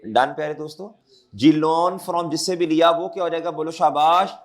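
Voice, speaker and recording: A man's voice: fairly high pitch, normal speed. A man with a sore throat, giving a classroom accounting lecture and repeating his questions back to the students.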